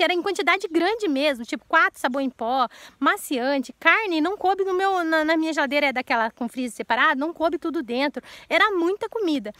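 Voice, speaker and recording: High-voiced woman testifying. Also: fairly bright tone, no room sound. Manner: earnest, speaks straight to listeners, repeats words for emphasis. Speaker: vlogger telling a personal testimony. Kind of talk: emotional personal testimony.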